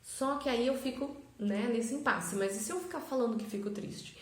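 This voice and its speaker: A mother of triplets shares parenting advice in a casual, reflective stories monologue, often adding tag questions. Her voice is a little high at a normal speed, and the sound is roomy.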